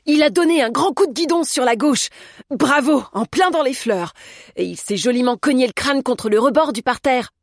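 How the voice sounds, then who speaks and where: A woman voicing a defiant male servant who speaks firmly and excitedly in an audiobook. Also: sits high, moderate pace, no echo, clean studio sound, pitched above the performer's own voice. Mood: gleeful. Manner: firm, excited. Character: defiant middle-aged male servant, gleeful. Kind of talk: audiobook character voice.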